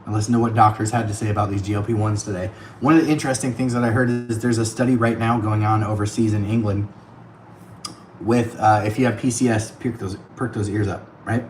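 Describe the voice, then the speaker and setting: Using his iPad's tablet mic on the road, a man runs a casual livestream, laughing often and thanking viewers by name, his voice somewhat worn. He talks fairly quickly in a lowish voice with fairly even intonation. The low-quality recording sounds echoey, with a slight hiss or hum.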